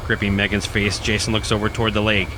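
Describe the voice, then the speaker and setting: Reading as narrator of a horror radio play, a man delivers scripted, suspenseful, theatrical narration in a level tone. He has a fairly low pitch and talks fast. The background is noisy, with music prominent in the mix.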